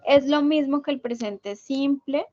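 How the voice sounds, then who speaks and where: A woman's voice: high-pitched, a little slow, a little mellow, dry recording. A woman teaching an English grammar class online, explaining patiently step by step and checking in with her students. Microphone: video call. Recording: lo-fi video call audio.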